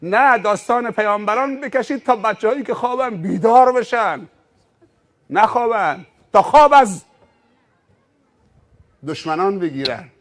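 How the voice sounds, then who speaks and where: A male preacher giving a sermon, telling stories with rhetorical questions. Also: sits high. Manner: animated storytelling with rhetorical questions.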